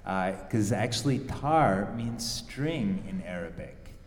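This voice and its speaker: A man's voice: on the low side, lively intonation, slow pace. A man showing a class of children the sitar, explaining it patiently and asking them questions. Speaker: sitar player teaching children. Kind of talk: classroom music demonstration. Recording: echoey hall. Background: sitar playing.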